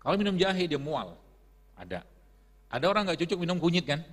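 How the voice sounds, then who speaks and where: A man's voice: a little high, big pitch swings, a little fast. A middle-aged man giving a casual religious health talk to an audience, chatty and laughing often. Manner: chatty, laughs often, uses Islamic phrases. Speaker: preacher and health speaker. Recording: long hall reverb.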